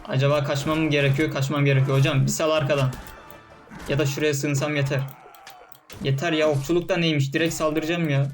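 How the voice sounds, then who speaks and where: A man's voice: a little high, little pitch movement, fairly quick, faint music behind. A young man doing casual gameplay commentary, often frustrated, cursing and barking orders at his troops. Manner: frustrated, swearing, talking to game troops.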